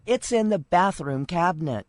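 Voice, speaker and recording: Sally, a woman voicing a lively textbook dialogue girl. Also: on the low side, unhurried, no room sound. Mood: cheerful. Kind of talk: scripted course dialogue audio.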